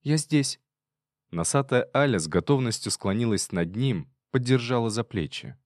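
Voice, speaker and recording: A man narrating an audiobook in an even storytelling manner. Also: fairly low pitch, moderate pace, no room sound, studio quality. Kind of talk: audiobook reading.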